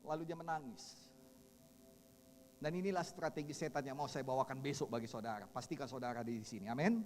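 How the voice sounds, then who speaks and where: A man preaching a sermon as pastor in a large church, shouting at climaxes and joking with the congregation. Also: mid-range voice, fairly quick. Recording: live church hall reverb with music.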